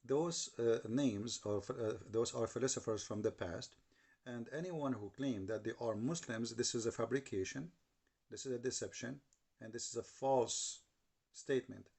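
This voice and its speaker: A man's voice: medium pitch, moderate pace, darkish tone, husky. A man giving argumentative commentary, translating clips and challenging what they say. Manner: repeats and restarts while translating, challenging tone.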